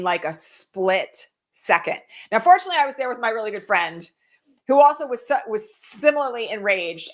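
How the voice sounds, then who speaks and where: A middle-aged woman hosting an online broadcast, telling a story in a casual, animated way with lots of fillers. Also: medium pitch. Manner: animated, heavy use of fillers like "like" and "um"; voice rises sharply when quoting shouted words. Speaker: host.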